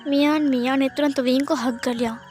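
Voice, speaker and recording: A woman reading a fan fiction story aloud in plain narration with short pauses. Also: high voice, steady tone, a little mellow, soft background music.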